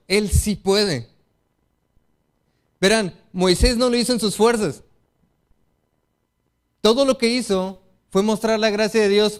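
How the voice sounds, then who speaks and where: A man with a Mexican Spanish accent delivers a sermon in a high voice, earnest and direct with his congregation. He often slips into short acted-out exchanges and quoted excuses to make his point. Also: clear, resonant tone. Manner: earnest, appeals to the congregation as brothers; acts out excuses and dialogue in quotes. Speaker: preacher.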